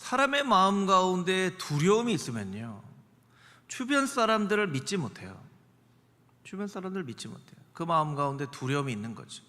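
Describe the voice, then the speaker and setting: A male pastor preaching a sermon in an animated way, dropping his voice to act out the characters in the story. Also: fairly quick. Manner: animated, acts out dialogue in lowered voice. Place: church sanctuary. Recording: reverberant church sanctuary.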